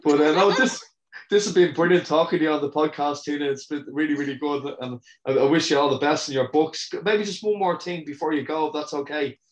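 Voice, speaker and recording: A man hosting a podcast interview, friendly and halting, full of fillers and quick agreement. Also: on the high side, roomy sound, lo-fi sound. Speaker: podcast host. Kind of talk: casual interview.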